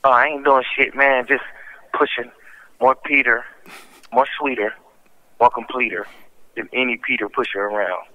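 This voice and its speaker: A man's voice: medium pitch, fairly even intonation, moderate pace, long pauses. A man talking on a prison phone call in laid-back, slangy, boastful banter. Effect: heard over a prison phone call.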